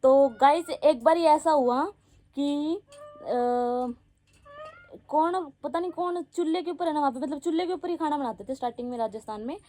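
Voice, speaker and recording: A woman's voice: sits high, normal speed, dark tone. A young woman, casually telling childhood stories to her viewers in a giggly, chatty way. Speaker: vlogger.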